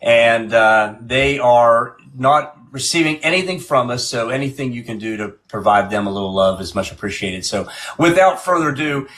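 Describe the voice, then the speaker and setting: Guy hosting a music livestream, average pitch, chatty, keeps restarting his sentences. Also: expressive, normal speed, fairly bright tone. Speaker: live-stream music show host. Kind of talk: casual hosting chat.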